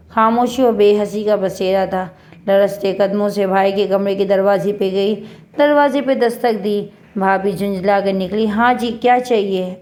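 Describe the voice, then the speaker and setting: A woman reading a first-person family story aloud in a steady, sorrowful storytelling manner. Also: medium pitch. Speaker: narrator.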